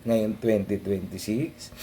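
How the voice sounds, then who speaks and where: A man's voice: on the low side, slightly rough. Blunt, profane man ranting casually. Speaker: vlogger.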